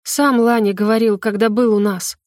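A woman's voice: fairly high pitch, steady tone, moderate pace, darkish tone, dry recording, studio quality, natural voice. A woman reading an audiobook voices an anxious, fretful middle-aged mother.

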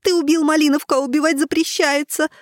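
A man voicing a squeaky female squirrel in a storybook reading, high and piercing, tattling and excitable, with a dry close sound. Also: fast talker, dry recording. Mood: shrill outraged.

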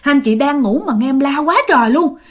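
Woman playing kindly neighbor, soothing, repeats herself, high lilting voice. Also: fairly quick, lightly acted. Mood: worried, soothing. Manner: soothing, fussing, repeating questions. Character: kindly young neighbor, worried and caring.

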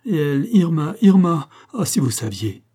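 A man's voice: a little high, sing-song, moderate pace, warm tone, slightly rough, voice pushed up. A man voicing a desperate young ex-convict who pleads his innocence in a frantic, protesting way. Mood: anguished.

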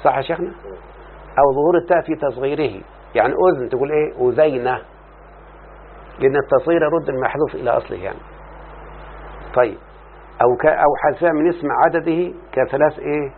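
A man's voice: fairly high pitch, fast talker, creaky, pauses often. Egyptian man, grammar lesson, quizzing his student, tinny lo-fi sound, faint hiss. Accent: Egyptian Arabic. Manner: explains then quizzes the student with repeated checks. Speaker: teacher of Arabic morphology. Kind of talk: Egyptian-dialect classroom lesson.

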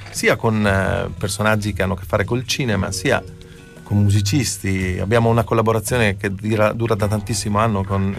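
A man, a film festival's artistic director, answering as a radio guest in a hesitant way with many fillers. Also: on the low side. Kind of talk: radio interview.

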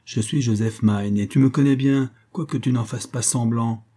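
A man's voice: mid-range voice, steady tone, moderate pace, dark tone, lightly acted. A man reading a storybook, voicing a mad middle-aged male violinist who pleads and rages, urgent and raised. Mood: frantic.

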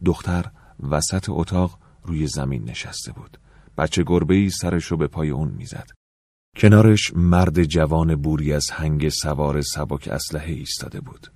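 Deep, dark-voiced male narrator. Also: dry recording, studio quality. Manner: calm, measured, with dips to a soft whisper. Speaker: audiobook narrator. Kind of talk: scripted first-person narration.

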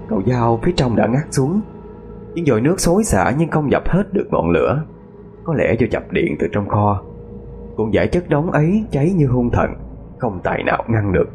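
A man narrating a ghost story in the first person, with lively, dramatic storytelling. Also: lowish voice.

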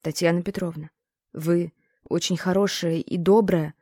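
A woman's voice: medium pitch, a little fast, darkish tone, no room sound, studio quality, close to an everyday voice. A woman voicing a stubborn, hurt young boy who talks earnestly and defensively in an audiobook. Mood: pleading.

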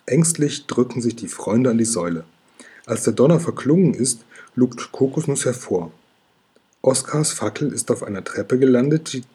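Husky-voiced man reading a children's story. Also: mid-range voice, dark tone. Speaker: narrator. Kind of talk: reading a children's book aloud.

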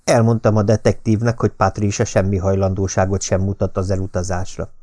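Low, dark-voiced male narrator. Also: flat delivery, no echo, studio quality. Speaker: audiobook reader. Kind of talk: scripted narration.

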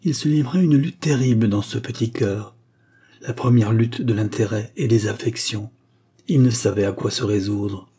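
A man reading a short story aloud as an audiobook narrator, in a measured and expressive way. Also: on the low side, breathy edge. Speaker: audiobook reader.

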